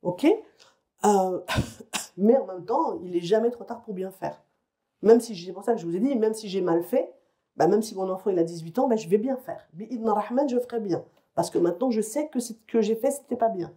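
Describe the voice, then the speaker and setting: Warm-voiced woman lecturing on child development. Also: mid-range voice, fairly quick. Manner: explanatory, conversational, often checking in with the audience. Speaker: psychologist giving a lecture. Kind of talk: conference lecture to parents. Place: lecture hall or conference room.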